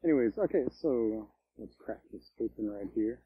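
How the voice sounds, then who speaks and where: A man hosting a casual unboxing vlog, talking in a halting, offhand way with many restarts. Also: medium pitch, animated, husky, no room sound, dull audio. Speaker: vlog host reviewing candy.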